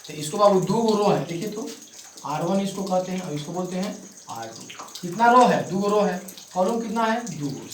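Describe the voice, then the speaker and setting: This male maths teacher sounds animated and sits high in pitch, captured from a distance in an echoey room with slight background noise. He goes through the lesson step by step, spelling things out slowly and frequently checking in with students.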